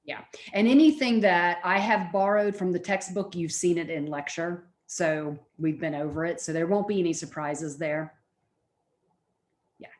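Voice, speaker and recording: A middle-aged woman lectures at a college in a voice slightly low for a woman, speaking at a moderate pace. Her explanations are informal and conversational, as though she's talking directly with her students.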